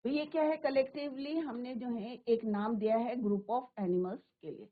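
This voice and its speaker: A woman with a Hindi accent teaching an English lesson to a class. She keeps asking the students questions, answers them herself and says each English example slowly. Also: a little high, fairly even intonation. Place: studio. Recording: tinny phone-like broadcast.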